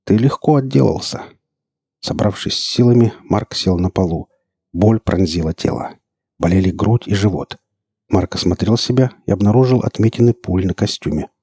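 Man narrating a novel, very low pitch, husky voice, dry close sound. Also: moderate pace, warm tone, no room sound. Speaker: audiobook narrator. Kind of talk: scripted narration.

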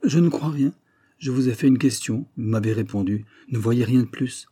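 A man's voice: medium pitch, moderate pace, dark tone, slightly rough, natural voice. A man reading the part of a composed, teasing male friend in an audiobook, his voice raised for the role. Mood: evasive.

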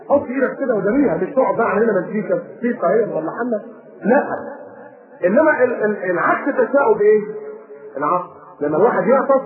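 A man with an Egyptian accent preaching a sermon, animated and scolding, mimicking people as he goes. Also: sits high, echoey room, phone-quality sound. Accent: Egyptian Arabic. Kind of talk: recorded sermon lecture.

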